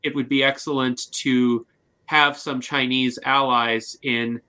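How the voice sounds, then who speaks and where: A man hosting an interview, speaking in long, formal, measured sentences. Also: medium pitch, flat delivery, sharp tone, clear, resonant tone. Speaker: interview host.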